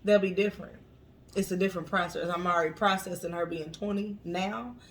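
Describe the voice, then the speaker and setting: A woman's voice: lowish voice, steady tone, fairly quick, a little hiss or hum. A woman in her late thirties co-hosting a podcast in casual chat, matter-of-fact and teasing. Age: late 30s. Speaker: podcast co-host.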